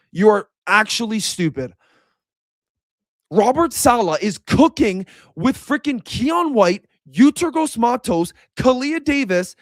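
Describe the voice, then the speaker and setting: A man's voice: high voice, dry recording, clean studio sound. A young man giving a heated, blunt reaction rant as a sports commentator. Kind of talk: ranting reaction video.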